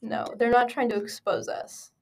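A young woman with a fairly high voice chats on a casual podcast she co-hosts. She giggles often and fills her talk with "like". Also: level tone, normal speed, slight background noise. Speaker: podcast co-host. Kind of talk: casual chat.

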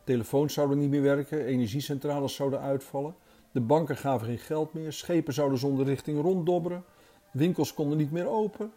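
A man's voice: fairly high pitch, fairly quick, dark tone. A man doing a worried, thoughtful man. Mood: anxious.

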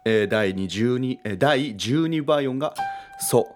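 A man's voice: medium pitch, animated, unhurried. A man hosting a casual music lesson, thinking aloud with many fillers and correcting himself as he explains.

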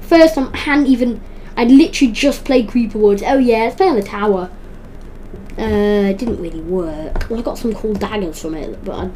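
A woman hosting a podcast, chatting casually about a video game in a rambling, excitable way and often correcting herself mid-sentence. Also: mid-range voice, background noise. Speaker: podcast host. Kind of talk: casual gaming chat.

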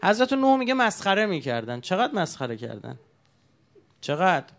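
A man's voice: high-pitched, very animated, vocal fry. A man preaching a sermon, telling stories with emotion and asking the congregation rhetorical questions.

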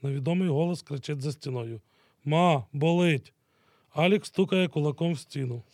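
A man's voice: fairly high pitch, fast, a little mellow, no room sound, clean studio sound. Man reading stage directions. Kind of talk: scripted narration.

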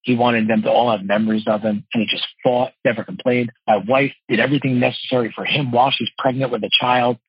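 In this dull, lo-fi, dry podcast recording, a New Jersey man in his forties tells his life story as an interview guest. A financial wholesaler and speaker, he talks fast and earnestly, an expressive storyteller with a mid-range, slightly rough voice.

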